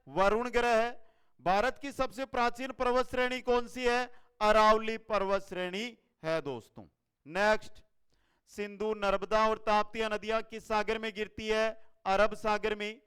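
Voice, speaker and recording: Energetic teacher guy, rajasthani accent, really high voice, super clean sound, rattles off quiz answers and repeats them. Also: unhurried, smooth. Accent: Rajasthani Hindi. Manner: energetic, repeats answers, addresses viewers as friends. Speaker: online exam-prep teacher. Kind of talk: fast quiz-style lesson.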